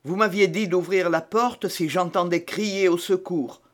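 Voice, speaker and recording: Plain guard soldier, as a man reads him, matter-of-fact, high voice, slow. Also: a bit bright. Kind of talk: audiobook reading.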